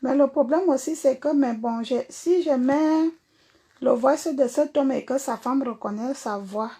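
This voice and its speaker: A woman's voice: sits high, measured pace, dark tone, husky. A woman singer with a Cameroonian French accent, talking bluntly and confrontationally to viewers in a livestream rant. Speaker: singer and performer.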